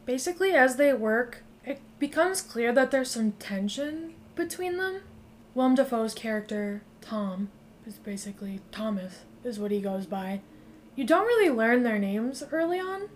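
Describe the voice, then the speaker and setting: A woman's voice: a little high, a little hiss or hum. Laid-back woman recapping a film. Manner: relaxed, swears freely, recaps a plot loosely. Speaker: podcast host. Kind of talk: casual chat.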